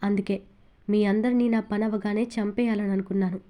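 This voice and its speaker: A woman's voice: mid-range voice, fairly even intonation, a little fast, dark tone, close to an everyday voice. A woman reading aloud, voicing a treacherous young man who mocks and gloats. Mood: mocking. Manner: mocking, smug.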